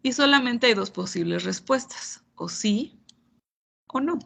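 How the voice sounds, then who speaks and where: Gravelly-voiced woman teaching grammar online. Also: a little high, animated, measured pace, fairly bright tone. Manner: patient, explanatory, playful asides. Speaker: English teacher.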